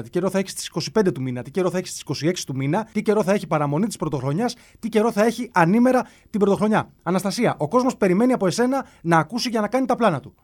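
A man hosting a comic radio bit in a mock-serious, deadpan way, piling up long repetitive lists. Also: on the high side. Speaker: radio show host.

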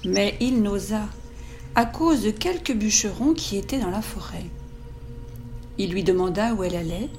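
A woman reading a classic fairy tale aloud in a clear, measured, expressive way. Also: medium pitch, soft background music. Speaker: storyteller.

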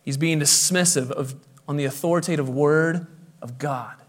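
Man, pastor, sermon, high voice, emphatic rise and fall, occasional uh. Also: normal speed. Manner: emphatic preaching, voice swelling and dropping for effect; occasional filler hesitations.

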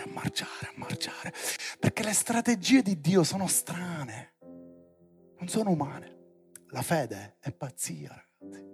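A male preacher giving a lively sermon to young people, theatrical and building to loud exclamations. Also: on the high side.

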